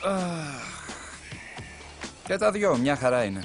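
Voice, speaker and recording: A man dubbing a patient young man in a telenovela who soothes and calms the others. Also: on the high side, over music. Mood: tender. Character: patient young man, boyfriend and band member. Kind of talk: Greek TV dub of a telenovela.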